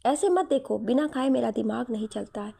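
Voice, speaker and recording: A woman's voice: fairly high pitch, lively intonation, brisk, gravelly, dark tone, husky, no room sound, full character voice. A woman voicing a bold, hungry young office worker who talks bluntly and cheekily. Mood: cheeky.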